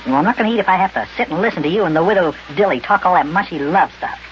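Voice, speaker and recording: A man's voice: sits high, lively intonation, racing, voice pushed up. A man voicing a small, peevish, childlike boy elf in an old children's radio serial. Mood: sulky, disgusted. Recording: dull, noisy old radio recording.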